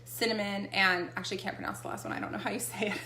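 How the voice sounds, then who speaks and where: A woman's voice: mid-range voice, fairly even intonation, fast, sharp tone. A woman, chatting casually as she demonstrates essential oils and often checks in with the listener. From Texas. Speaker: essential oil seller. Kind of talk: casual product demo chat. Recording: echoey room with faint hum.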